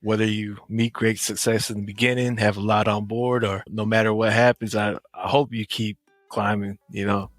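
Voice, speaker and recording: A man co-hosts a casual podcast chat and speaks in an encouraging way, repeating himself. His voice is low and flat, with little rise and fall. The recording is dry. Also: normal speed, no echo, faint music behind. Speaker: podcast co-host.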